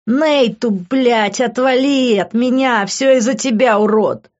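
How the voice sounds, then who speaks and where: An abrasive young man bursts out in rough, swearing outbursts, as a woman reading the audiobook takes his part. His voice climbs high and hard when he scolds. The recording sounds dull and muffled. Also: slow. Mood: furious. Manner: coarse, yelling insults. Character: brash hot-tempered young man, crude-mouthed friend.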